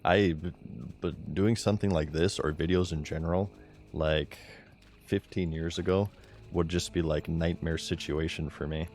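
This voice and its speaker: A man with a monotone, low-energy delivery, chatting casually as he streams a game. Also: normal speed. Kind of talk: casual chat while gaming.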